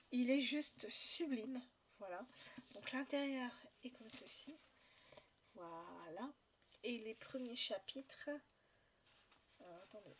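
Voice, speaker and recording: A woman's voice: fairly high pitch, slight background noise. A woman chatting casually about books she bought, hesitant with many fillers and restarts. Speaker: book vlogger. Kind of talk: casual book haul chat.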